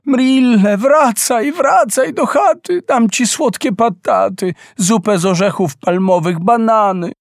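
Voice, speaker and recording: A man voicing an anxious mother who calls her son back with loud, high, pleading cries. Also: slow, vocal fry, hardly any pauses, dry recording, clean studio sound, heavily acted.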